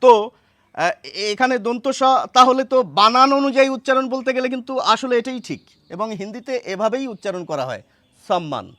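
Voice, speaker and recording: A man's voice: extremely high pitch, a little fast, sharp tone, dry recording. A man giving a pronunciation lesson, explaining step by step and repeating words to demonstrate them. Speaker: language teacher.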